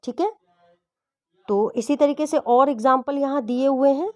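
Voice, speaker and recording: A woman teaches English grammar. She speaks with a slightly high voice and explains patiently, stopping often to ask whether her students follow. The recording is close and dry, with no room sound. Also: measured pace, no room sound. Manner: patient, repeats and checks understanding.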